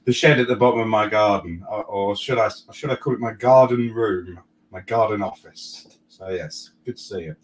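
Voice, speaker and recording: A man's voice: fairly low pitch, normal speed. A middle-aged man with an Essex accent, chatting casually as an interview guest in a hesitant, matey way. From Essex, England. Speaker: guest, technical analyst. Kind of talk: casual reminiscing chat. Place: garden office shed. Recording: clear background noise, room ambience.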